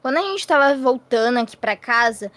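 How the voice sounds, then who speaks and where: A woman's voice: on the high side, expressive, a little fast, fairly bright tone, no echo. A woman playing a fawning, two-faced aunt in a Roblox role-play story, sugary and whiny. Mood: scheming. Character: scheming fawning aunt, middle-aged woman.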